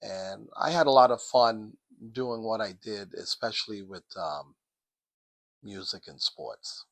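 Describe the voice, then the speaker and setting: Middle-aged man from the Caribbean, interview guest, unhurried and low, close dry mic. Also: gravelly, a bit bright, no room sound. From Sint Maarten, Dutch Caribbean. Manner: slow, measured, with frequent ums. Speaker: interview guest, math teacher. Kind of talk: casual interview.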